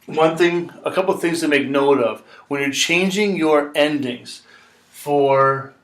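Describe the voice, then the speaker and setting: A man's voice: fairly high pitch, slow pace, a bit bright. A man teaching a chemistry lesson step by step, patient and repetitive, checking in with "okay?". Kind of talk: classroom lesson explanation. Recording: echoey room, mic far off.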